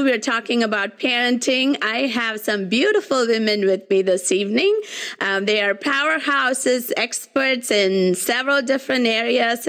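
A woman's voice: a little high, fairly bright tone. A woman hosting a faith podcast, welcoming guests in a gushing, heartfelt way with frequent ums. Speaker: podcast host. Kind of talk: casual podcast chat.

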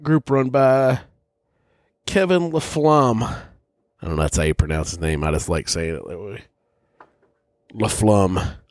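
A man's voice: low-pitched, animated, moderate pace, darkish tone, dry recording, studio quality. A man hosting a casual whiskey tasting, talking bluntly and rambling, with frequent swearing. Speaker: whiskey reviewer host.

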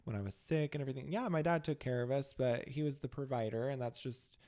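A man's voice: mid-range voice, quick pace, mellow. A man hosting a podcast in casual chat, camp and playful in manner. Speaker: podcast host.

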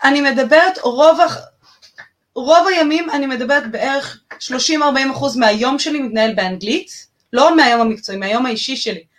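A woman's voice: high-pitched, fairly bright tone, a little hiss or hum. A woman with an Israeli accent talking casually and emphatically as a podcast co-host, repeating phrases for emphasis.

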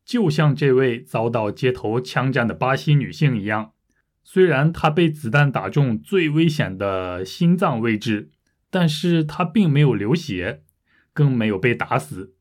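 A man hosting a Chinese-learning podcast, who reads a news item twice and explains its words clearly and patiently for learners. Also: medium pitch, expressive, measured pace. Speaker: podcast host teaching Chinese.

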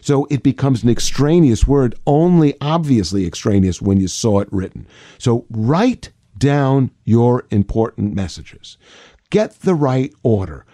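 Male speaking coach, lively pitch jumps, mellow tone, dry close sound. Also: unhurried, no room sound. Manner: animated, acts out examples with big pitch jumps. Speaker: communication coach. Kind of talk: motivational talk on delivering a pitch.

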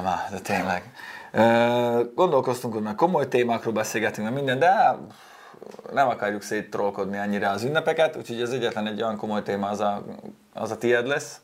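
A man hosting a casual talk show, joking and talkative as he welcomes listeners and guests. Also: lowish voice. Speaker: host. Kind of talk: casual chat.

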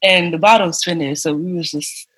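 Woman, young adult, podcast guest, hungover, animated, laughing, bright voice. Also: lowish voice, normal speed, breathy edge, rough recording. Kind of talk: casual chat.

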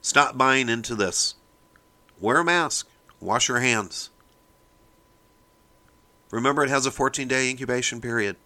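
A man's voice: medium pitch, unhurried, pauses often, pushed and bright. A man hosting his own podcast, delivering a fired-up opinion monologue and lecturing his listeners, often calling them "people". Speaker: podcast host.

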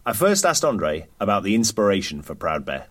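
Male interviewer-presenter, deepish and husky. Articulate scripted read with dry wit. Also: wildly swooping pitch, brisk, a bit bright. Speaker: podcast host and interviewer. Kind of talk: scripted narration.

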